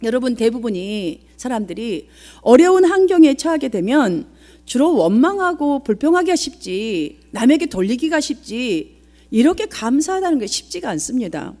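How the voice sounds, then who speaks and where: Lively high-voiced woman pastor preaching. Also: normal speed. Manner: earnest preaching, often asks the congregation questions. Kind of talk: sermon.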